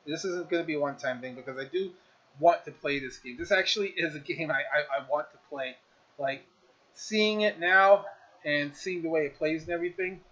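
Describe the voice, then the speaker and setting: Guy streaming a game review, kinda high voice, rambles and restarts a lot, slightly muffled audio. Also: a little fast, sharp tone. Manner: rambling, many fillers and restarts. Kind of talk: casual game review chat.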